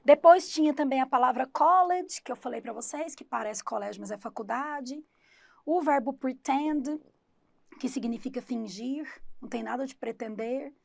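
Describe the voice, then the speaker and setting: A woman's voice: high voice, normal speed, gravelly, a little mellow, dry recording. A woman English teacher, giving an exam-prep class and explaining through rhetorical questions and retold examples.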